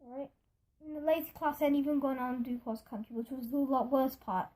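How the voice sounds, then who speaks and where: A young video storyteller rambles through an indignant, vlog-style story, acting out what other people said. The voice is high-pitched, steady, warm and fairly quick. Music plays behind it.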